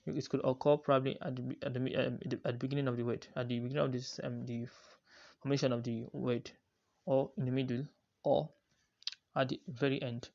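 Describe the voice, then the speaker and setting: A man with a gravelly edge to his voice explains recitation rules as a teacher. He often halts and restarts his sentences while he searches for words. The recording is dull and lo-fi. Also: mid-range voice, flat delivery, a little mellow. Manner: halting, repeats and restarts, drawn-out Arabic recitation terms. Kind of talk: religious lesson explaining a poem.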